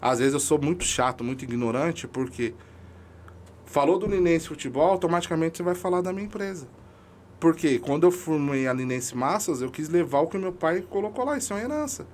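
A man sits in on a casual podcast chat and tells his stories with feeling, slangy and emphatic. His voice sits a little high for a man, and faint noise hums under the recording. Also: expressive, a little fast, darkish tone. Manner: emotional storytelling, slangy and emphatic. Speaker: podcast guest, amateur football club leader.

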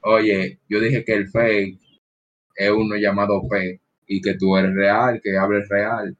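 A man's voice: lowish voice, level tone, slow pace, highs cut off. A man with a Dominican accent chatting casually with friends and prompting them with questions.

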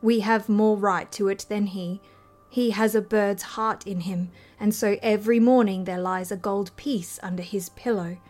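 A woman's voice: medium pitch, steady tone, moderate pace, a little mellow, faint music behind, lightly acted. A woman voicing a greedy, scheming old witch who gives commands and threats, read in an audiobook fairy tale.

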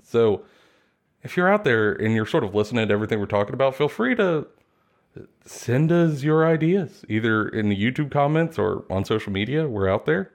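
A man co-hosts a casual podcast. He talks in a loose, rambling way, cracking jokes as he goes. His voice sits at a medium pitch. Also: moderate pace. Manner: relaxed, rambling, jokey. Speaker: podcast co-host.

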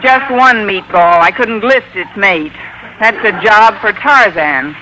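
An American actress, the lead and narrator of a 1940s-50s radio comedy, plays a wry, wisecracking schoolteacher who is lovelorn and long-suffering. Her mid-range female voice is pushed and bright, delivered slowly with a dry, sardonic edge. The rough vintage radio recording has faint noise.

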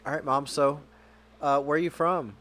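A man's voice: on the high side, fairly even intonation, normal speed, fairly bright tone. A man hosting a casual chat, informal and teasing, swearing freely. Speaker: podcast host.

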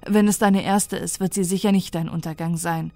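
A woman voicing a calm young man who speaks gently and reassuringly, over faint background music. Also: fairly low pitch, moderate pace, no echo, close to an everyday voice. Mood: consoling. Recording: dry close recording with faint music.

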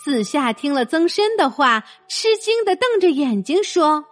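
A woman narrating a children's story, speaking gently and directly to a young listener. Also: sits high, sing-song, unhurried, soft background music.

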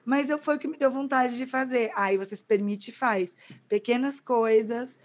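A woman's voice: fairly high pitch, steady tone, normal speed, slight background noise. A woman hosting a podcast in casual chat, talking things through thoughtfully and often checking in with "né?". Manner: reflective, often ends with "né?".

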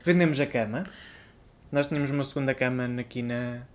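A young man chats as a podcast co-host. He has a mid-pitched voice and a casual, dryly teasing way of talking. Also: fairly quick. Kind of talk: casual chat.

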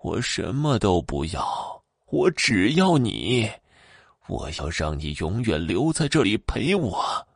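A man voicing a menacing old woman ghost with fangs, speaking in drawn-out, sinister tones. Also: lowish voice, very animated, gravelly, slightly rough, no echo, clean studio sound, full character voice.

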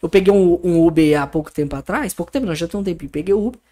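A man's voice: fairly high pitch, racing. A man, a guest on a podcast, telling stories in casual talk and acting out the other people's lines. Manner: animated storyteller, acts out dialogue.

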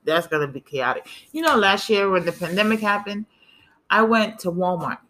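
A middle-aged woman from the Bronx with a New York and Spanish-tinged accent, co-hosting a casual chat and telling stories in an animated way. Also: mid-range voice, moderate pace, slight background noise. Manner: animated storytelling with lively asides. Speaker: podcast co-host.

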